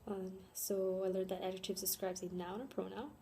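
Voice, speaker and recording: Young american woman doing a class talk on grammar, mellow voice, lots of ums, faint hiss behind. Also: mid-range voice, flat delivery, fairly quick. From born in South Korea, raised in Chicago. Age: young adult. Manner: earnest, with frequent ums and spelled-out letters. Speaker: student presenter.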